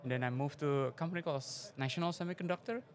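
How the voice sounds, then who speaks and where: A middle-aged Indonesian venture investor, a guest being interviewed at a conference forum venue, races through his answers in a slightly high voice. He is hesitant all the same, with frequent fillers and non-native phrasing.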